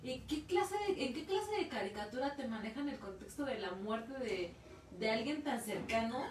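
High-pitched mexican woman, slangy cussing chat, far from the mic, echoey room. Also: normal speed, a little hiss or hum. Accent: Mexican Spanish. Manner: animated, slangy, swears freely. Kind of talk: casual chat.

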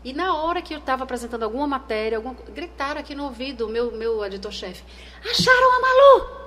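Northeastern Brazilian woman, ex-anchor guest, animated storyteller, higher voice. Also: fast. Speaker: guest, former TV news anchor. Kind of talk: conversational interview.

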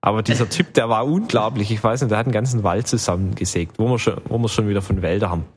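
A man's voice: on the low side, fast, slightly rough. A man telling a long travel story in casual chat, rambling with many fillers. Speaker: podcast co-host telling travel stories.

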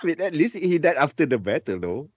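Halting, laughing man on a lo-fi podcast. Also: a little high, sing-song, no room sound. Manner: halting, repeats himself, laughs often. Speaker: podcast co-host. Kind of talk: casual chat. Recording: dry, dull lo-fi sound.

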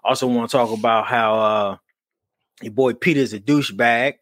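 A man's voice: medium pitch, moderate pace, a bit bright, no room sound. A man co-hosting a podcast in casual chat, laughing often and swearing freely, on a close mic. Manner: laughs often, loose and profane. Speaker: podcast co-host.

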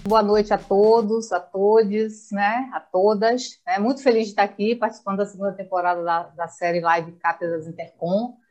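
A woman with a Brazilian accent casually introduces an online panel as its moderator. Her mid-range voice is slightly mellow, and she speaks conversationally, often tacking on little tag questions.

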